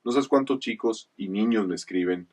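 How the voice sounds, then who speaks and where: A man from northern Mexico, a voice actor, telling stories from his career in a measured, explanatory interview manner. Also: lowish voice. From Chihuahua, northern Mexico. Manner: measured, explanatory, animated asides. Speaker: voice actor guest. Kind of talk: casual interview storytelling. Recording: voice slightly distant from the mic.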